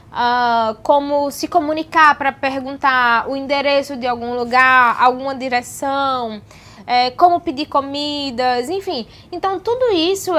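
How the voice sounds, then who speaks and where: A woman's voice: high voice, fairly bright tone. A young adult woman, chatting casually to camera and giving tips, with many fillers and repeated "então, assim". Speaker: vlogger giving language-learning tips.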